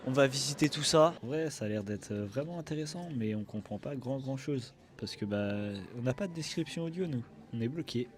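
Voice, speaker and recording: A young man in his late teens, filming a casual travel vlog on a phone while walking around a city, joking and excitable. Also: mid-range voice, a little fast, hardly any pauses. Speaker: student vlogger. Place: on the move, outdoors in a city, on a coach and in a museum. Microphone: phone held while filming.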